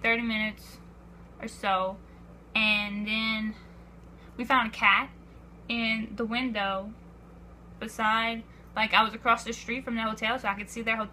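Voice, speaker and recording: Teenage girl vlogger, bright slightly high voice, eager rambling storyteller. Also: a little hiss or hum. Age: teens. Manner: breathless, repeats "I was like", acts out quotes. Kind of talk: excited storytelling vlog.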